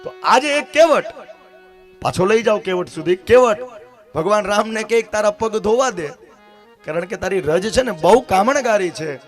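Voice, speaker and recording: High-voiced man telling a devotional story. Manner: dramatic, acts out dialogue, addresses listeners directly. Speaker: katha storyteller.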